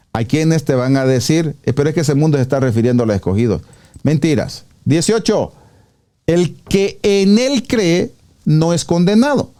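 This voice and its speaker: Male pastor, teaching sermon; slightly high, mellow tone; reads verses and pushes back with rhetorical questions.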